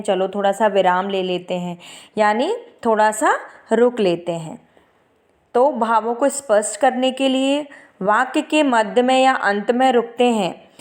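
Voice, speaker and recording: A woman's voice: on the high side, a little mellow. A woman teaching a grammar lesson, speaking with an emphatic cadence and tag questions, posing questions to her class and answering them herself. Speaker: Hindi teacher.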